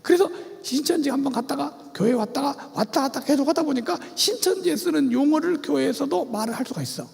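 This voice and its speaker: In a church sanctuary with long hall reverb, a pastor teaching about cults leads a seminar, animatedly quizzing the congregation and having them repeat phrases. His voice is extremely high, expressive, fast, gravelly, and a little mellow, with hardly any pauses.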